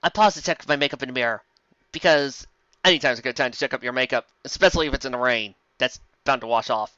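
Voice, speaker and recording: Talking fast in a pushed, bright voice at medium pitch, a fanfic show host gives a theatrical comedic reading full of exclamations. Sarcastic commentary mocks the story along the way. The lo-fi sound has no room tone.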